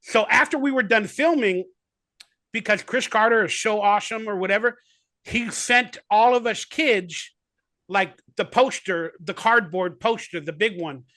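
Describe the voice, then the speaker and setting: On a video call with no room sound, a man in his forties appears as a guest actor in a casual remote interview. His high-pitched voice is a little slow, pushed and bright. He rambles enthusiastically, full of fillers.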